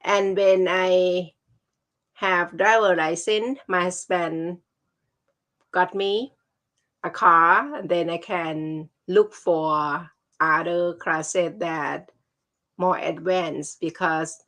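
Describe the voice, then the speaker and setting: Slow-talking woman with a Thai accent. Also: lowish voice, fairly even intonation, fairly bright tone. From Thailand. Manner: halting, searching for words. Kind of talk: casual personal storytelling.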